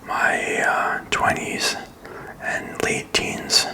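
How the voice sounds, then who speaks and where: Man whispering slowly, halting ASMR ramble. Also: bright, forceful tone, poor audio. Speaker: ASMR video creator. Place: small quiet room indoors. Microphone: desk microphone with furry windscreen, very close.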